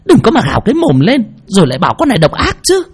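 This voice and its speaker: A man's voice: lowish voice, big pitch swings, creaky, a little mellow, husky, heavily acted. A man voicing a cruel, scolding middle-aged daughter-in-law in a ghost story. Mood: spiteful scolding. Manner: scolding, spiteful, rapid-fire.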